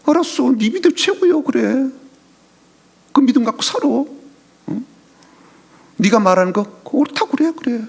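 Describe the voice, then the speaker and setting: A man's voice: a little high, vocal fry, mellow, husky, heavily acted. A man voicing a scornful mocker who taunts a believer in a sneering, dismissive way.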